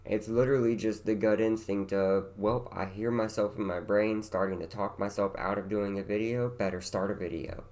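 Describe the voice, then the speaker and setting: A man's voice: on the low side, steady tone, moderate pace, hardly any pauses, darkish tone. Tired man with a light country accent. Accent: light West Virginia country. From West Virginia. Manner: meandering and self-deprecating, trails off into repeated words. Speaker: vlogger. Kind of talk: casual rambling chat.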